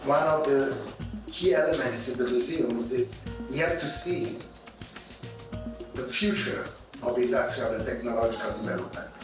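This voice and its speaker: A man's voice: mid-range voice, moderate pace, pauses often. Brief: man at a meeting, distant mic, big echo, music underneath.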